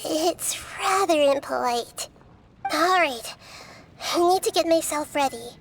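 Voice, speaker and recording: A woman voicing a small, childlike goddess in a video game, gentle and wise, with measured, formal wording. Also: high voice, lively intonation, creaky, a little hiss or hum, heavily acted. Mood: gentle, earnest.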